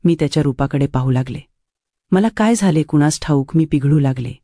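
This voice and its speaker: A woman telling a romantic story in the first person, with a steady, even storytelling delivery. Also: low voice, brisk, dry recording, studio quality.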